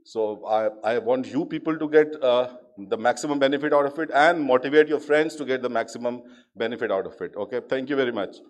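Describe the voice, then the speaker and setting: A man's voice: mid-range voice, a little fast, background noise. A man speaking as a college official at an event, conversational with fillers and "okay?" checks to the audience. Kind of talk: informal event speech. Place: hall with audience, at a podium. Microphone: podium microphone.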